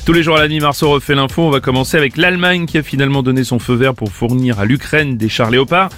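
A man's voice: mid-range voice, fast, a bit bright, soft background music. A man hosting a comic news segment on radio, reading items and playing straight man to impressions, often laughing. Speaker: radio host.

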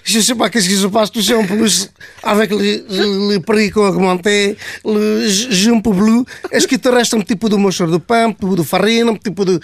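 High-voiced comic Portuguese immigrant, mangled French, dry studio sound, played by a man. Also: steady tone, normal speed, no room sound. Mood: rambling comic. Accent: put-on Portuguese accent. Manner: rambling, mangled French, joking asides. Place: radio studio.

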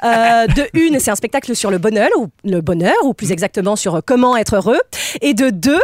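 High-voiced woman delivering a comic radio column. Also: lively intonation, fairly quick, dry recording, clean studio sound. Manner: playful, mock-interrogating, laughs at own jokes. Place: radio studio.

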